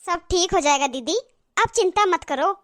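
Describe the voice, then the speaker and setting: High, earnest young cartoon daughter-in-law. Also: female voice, moderate pace, a bit bright. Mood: reassuring. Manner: earnest, pleading, reassuring. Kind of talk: cartoon voice acting.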